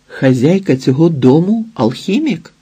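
A man's voice: a little high, lively intonation, a little slow, dark tone, husky, voice pushed up. A man voicing a sleepy, grumpy young man who brushes others off, in an audiobook. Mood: dismissive. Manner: grumbling, dismissive.

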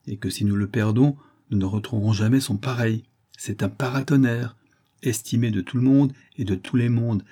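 A man's voice: mid-range voice, mellow, close to an everyday voice. A man reading an audiobook voices a worried, calculating partner in a gambling club, reasoning earnestly and anxiously.

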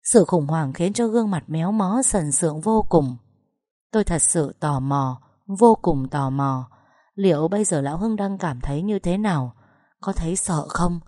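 A woman's voice: fairly low pitch, normal speed, mellow, no room sound, clean studio sound. A woman narrating a first-person dramatic story with emotional, tense storytelling.

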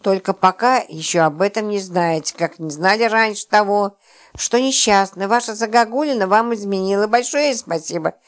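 A woman reading an audiobook, voicing a sharp-tongued young wife who mocks and teases. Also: medium pitch, moderate pace, lightly acted. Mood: teasing. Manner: scornful, teasing and pert.

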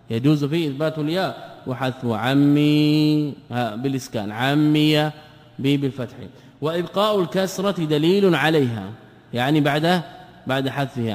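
Sheikh giving a lesson, fairly high voice, asks himself questions then answers, long hall echo. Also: male voice. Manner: explains by asking and answering his own questions. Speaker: sheikh teaching a text. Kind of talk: classroom lesson on creed and grammar.

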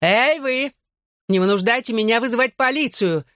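An audiobook reader voicing a harried barmaid who shouts and scolds, in a dry close recording. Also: medium pitch, normal speed, no echo, pitched above the performer's own voice, natural voice. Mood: scolding.

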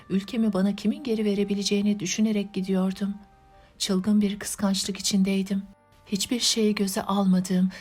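A woman narrates a classic novel as an audiobook. Her reading is measured and steady, with little rise or fall in pitch and a mid-range voice. Soft music plays faintly beneath the narration.

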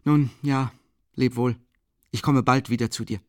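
A man reading an excitable young man who rambles and breaks off mid-sentence. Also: medium pitch, measured pace, no room sound, studio quality, natural voice. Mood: emphatic. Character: agitated young man, excitable, talkative friend.

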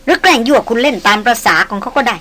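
A bold, teasing young woman, voiced by a woman reading the novel aloud. She speaks frankly and briskly in a fairly high voice. Audiobook character work, close to the reader's own voice. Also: animated, fairly bright tone.

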